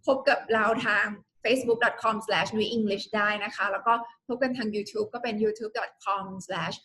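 A woman from Thailand giving a casual live English pronunciation lesson, patient and slow, repeating words, her voice a little hoarse. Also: mid-range voice, fairly even intonation, a bit bright. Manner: patient, repeats words slowly with polite particles. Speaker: English teacher.

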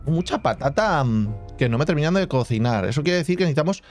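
A man's voice: fairly high pitch, expressive, fast, soft background music. Chatty man narrating his gameplay. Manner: chatty, thinks aloud, hums and makes sound effects. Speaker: gaming channel host. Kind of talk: casual let's-play commentary.

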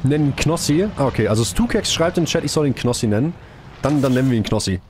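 A young man streaming a shooter game live, chatting casually with viewers in a slangy, excitable way, with gunfire from the game behind him. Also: mid-range voice, fast talker, background noise.

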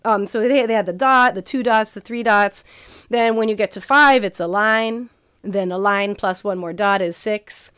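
A woman's voice: mid-range voice, normal speed, fairly bright tone, smooth, no echo, studio quality. A young woman giving a recorded keynote as a garden teacher, earnest and encouraging, often repeating phrases for emphasis. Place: indoor room at home, video recording.

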